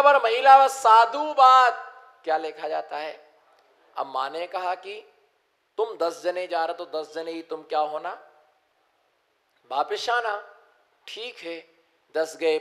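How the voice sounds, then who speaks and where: A man's voice: high-pitched, fairly bright tone, long reverb tail. A man, a Jain monk, giving a sermon, telling a story and acting out the counting, and calling on listeners to repeat after him.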